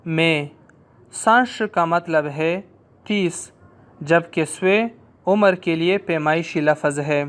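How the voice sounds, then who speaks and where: A man with an Urdu accent teaching a language lesson, explaining slowly and repeating phrases for students to drill. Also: fairly high pitch, clear, resonant tone.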